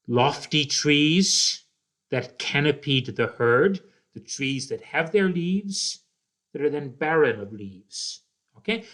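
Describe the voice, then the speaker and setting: Guy giving a slow poetry lecture, keeps asking okay?, mid-pitched voice, lots of uh. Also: a bit bright. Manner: slow, deliberate explaining with frequent "okay?" check-ins; restarts with filler "uh". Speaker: literature teacher.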